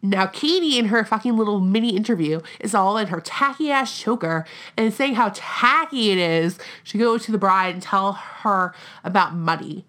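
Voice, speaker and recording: A young American woman co-hosting a podcast in casual chat, talking bluntly with vocal fry, plenty of swearing and frequent "like". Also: mid-range voice, animated, normal speed, fairly bright tone. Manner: blunt, profane, peppered with "like". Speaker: podcast co-host.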